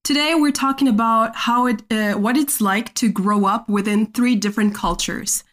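A young woman from Germany hosting a casual podcast chat, talking in a relaxed, chatty way with lots of fillers. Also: fairly high pitch, moderate pace. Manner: chatty, laughs often, frequent fillers. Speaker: podcast host.

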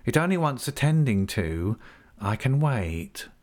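A man voicing a croaking, fawning schemer. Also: medium pitch, big pitch swings, a little slow, a little mellow, voice pushed up. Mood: sly. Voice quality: croaking whisper, wheedling. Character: fawning sly young male clerk, oily and scheming.

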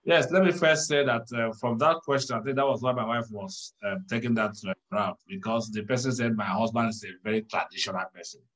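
A man, a pastor, teaching in a church talk show, measured and stressing key words. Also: mid-range voice, fairly bright tone, poor audio.

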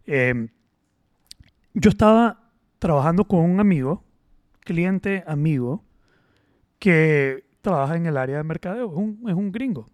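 A man's voice: a little high, lively intonation, a little slow, long pauses, dry recording. A man hosting a casual podcast, teasing and joking and mixing in English phrases. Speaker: podcast host.

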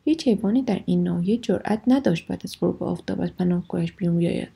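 A woman narrating a storybook with a steady, measured reading voice. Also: lowish voice, creaky, slightly rough.

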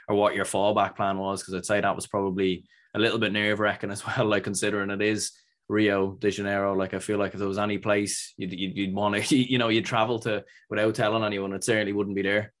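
A man's voice: low-pitched, fairly bright tone. A man hosting a casual podcast interview, asking long, rambling questions full of "like" and restarts. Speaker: podcast host.

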